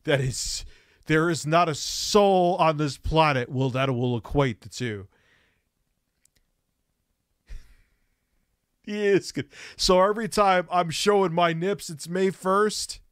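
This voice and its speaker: A man's voice: a little high, takes it slowly, pauses often, clear, resonant tone, dry recording, clean studio sound. A man streaming, giving casual, profane and mocking commentary while reacting to clips, often laughing.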